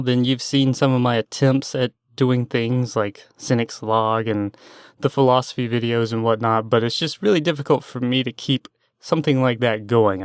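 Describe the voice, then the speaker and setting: A man's voice: mid-range voice, smooth, no room sound, clean studio sound. A young man hosting a solo podcast, thinking aloud in a meandering, self-doubting way and sometimes losing his train of thought. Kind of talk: rambling stream-of-consciousness monologue.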